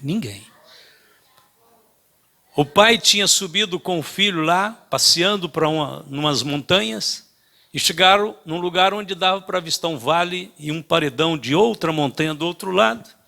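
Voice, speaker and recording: Gravelly high-voiced older preacher. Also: male voice, sharp tone. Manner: halting, emphatic preaching with many restarts. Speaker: pastor. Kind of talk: sermon with storytelling.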